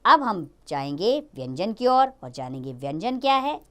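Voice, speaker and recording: A woman teaching a grammar lesson to children, drawing out each letter and example word slowly. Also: fairly low pitch, sing-song, a bit bright. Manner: slow, drawn-out teaching of each letter and sound.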